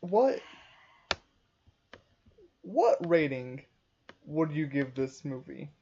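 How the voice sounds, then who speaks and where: A young woman co-hosting a casual movie review chat in a relaxed, laid-back way, full of "like". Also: low voice, extremely slow, breathy edge. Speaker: film review co-host. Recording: dull lo-fi sound.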